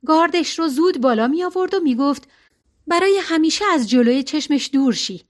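A woman reading a novel aloud as narrator, in a calm, even way with colloquial phrasing. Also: sits high. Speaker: audiobook narrator.

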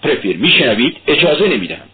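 Nervy defiant young guy, a man reading him, husky, tinny radio sound. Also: mid-range voice, very animated. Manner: tense and defiant. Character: agitated, defiant young male student.

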